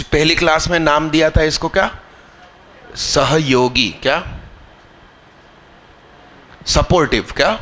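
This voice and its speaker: A man teaching math live to a class, quizzing students, drilling terms slowly and scolding anyone not paying attention. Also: fairly high pitch, a bit bright. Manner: scolding, teasing students mid-lesson.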